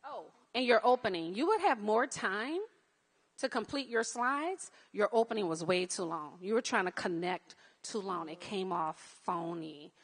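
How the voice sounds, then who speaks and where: A woman giving blunt, frank critique of a pitch, speaking plainly and candidly. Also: expressive, moderate pace, husky.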